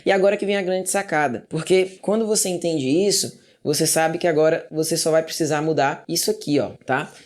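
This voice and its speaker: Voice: mid-range voice, fairly even intonation, darkish tone. Chatty Brazilian English teacher. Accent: Brazilian Portuguese. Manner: chatty, reassuring, drills example sentences slowly. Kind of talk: casual video lesson.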